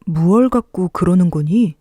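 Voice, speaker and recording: A kind, curious boy from a children's fairy tale, played by a woman, talks playfully as if to a toddler. The tone is mellow and the sound is dry and close. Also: on the low side, moderate pace, no echo, lightly acted. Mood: eager, curious. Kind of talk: children's storybook character voice.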